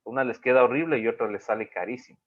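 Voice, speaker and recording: A man's voice: medium pitch, quick pace. A man teaching an online class in a rambling way, often checking in with his students. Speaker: college teacher. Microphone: video call. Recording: dull lo-fi video call audio.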